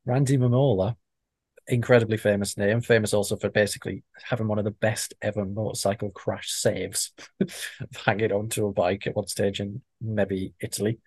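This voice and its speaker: A man's voice: lowish voice, level tone, normal speed, a little mellow, dry recording. A man co-hosting a motorsport podcast in casual chat, joking and laughing as he talks. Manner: jokey, laughs between lines. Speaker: podcast co-host.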